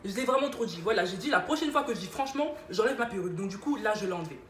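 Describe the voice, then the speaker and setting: A woman's voice: medium pitch, animated, racing, slight background noise. Chatty young woman in an echoey room. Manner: chatty, playful, self-mocking. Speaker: YouTuber. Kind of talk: casual Q&A vlog. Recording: echoey room with faint ambience.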